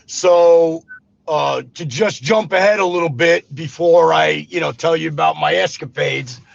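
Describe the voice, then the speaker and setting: His voice sits on the high side and turns creaky as he talks a little slowly, a fifties-aged ex-gangster from Brooklyn giving an interview about his life. The talk is casual and street-flavored, full of "brother" and "you know what I mean." Audio is dry, dull, lo-fi and free of echo.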